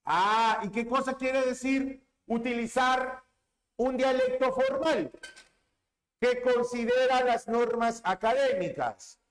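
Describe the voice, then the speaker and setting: Slow, lively-pitched man lecturing a class. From Peru. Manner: repeats key terms, asks rhetorical checks; drawn-out emphatic stresses on terms. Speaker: teacher.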